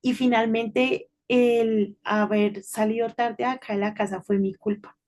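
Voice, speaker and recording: A middle-aged woman giving an informal devotional talk to children, telling a story in a chatty way and often checking in with a quick "right?". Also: on the high side, little pitch movement, a little mellow. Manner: chatty storytelling with frequent tag questions.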